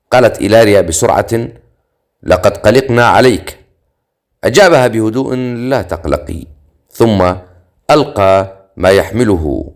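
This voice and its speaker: Male narrator, low pitch, measured dramatic audiobook reading. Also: darkish tone.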